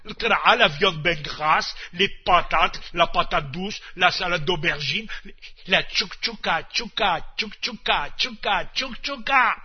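Guy doing a fed-up north african french housewife, high and whiny, rattles off lists, dull old radio sound. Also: slow, slightly rough, exaggerated voice. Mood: listing. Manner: exasperated, rattling off long lists. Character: harried North African housewife, middle-aged, complaining. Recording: muffled old radio recording.

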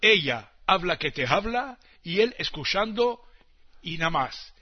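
A man's voice: high-pitched, big pitch swings, unhurried, breathy edge, lo-fi sound. A man from Tangier, telling a teasing comic monologue to an audience and dropping in words from other languages. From Tangier, Morocco. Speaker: comic storyteller.

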